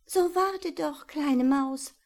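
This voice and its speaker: A woman doing a pleading barn owl, high and tearful. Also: unhurried. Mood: kind. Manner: pleading, tearful, later gentle and solemn. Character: desperate, then grateful female barn owl. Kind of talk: storybook reading.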